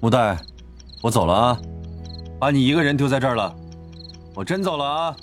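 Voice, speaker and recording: A man playing a cool-headed, teasing and quietly protective young man in an audio drama, speaking offhandedly. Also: mid-range voice, expressive, normal speed, faint music behind, lightly acted.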